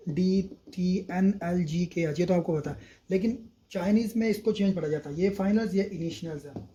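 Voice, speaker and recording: A man runs a pinyin drill, saying each syllable on its own. His voice is dark and mellow, and he speaks very slowly. His delivery is patient, like a tutor's. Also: sits high, muffled recording. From Pakistan. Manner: slow and deliberate, repeating sounds one by one. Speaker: language teacher. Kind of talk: slow pinyin drill lesson.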